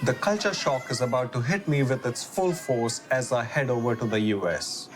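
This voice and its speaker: A man reads a travel show narration in a steady, upbeat way. His voice sits at a middle pitch. Music plays clearly behind him. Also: normal speed. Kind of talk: scripted voice-over narration.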